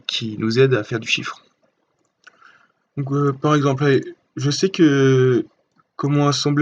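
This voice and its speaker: A man's voice: mid-range voice, muffled recording, slight background noise. A man giving a casual screen-recorded tutorial, talking hesitantly with many fillers and restarts. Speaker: tutorial host.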